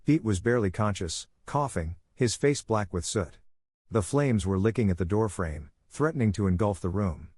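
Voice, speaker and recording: A man narrating a dramatic story in a steady, measured storytelling delivery. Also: lowish voice, slightly rough, no echo.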